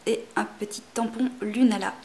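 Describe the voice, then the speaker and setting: Young woman, vlogger, slightly high voice, self-mocking, crude humor, echoey room. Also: fairly even intonation, normal speed, dark tone, slight background noise. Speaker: vlogger showing a shopping haul. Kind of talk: casual vlog monologue.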